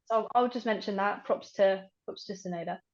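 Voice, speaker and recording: A woman's voice: mid-range voice, fairly quick. A young woman co-hosting a podcast in casual chat. She hedges a lot and uses many fillers. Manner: chatty, hedging, many fillers. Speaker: podcast co-host. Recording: dull lo-fi audio.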